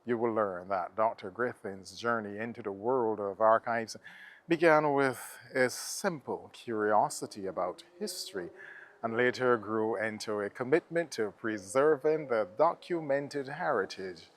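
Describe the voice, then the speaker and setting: A man's voice: on the low side, a little slow. A man, reading a formal, scripted narration to introduce a documentary program.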